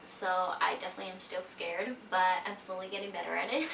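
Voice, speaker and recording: A Peruvian woman in her twenties, a native Spanish speaker, sits and chats with her viewers in a vlog, saying "like" a lot and adding giggly asides. Her lowish voice is brisk, creaky, and a bit bright. The audio has a roomy echo, a little hiss or hum, and she's a bit far from the mic.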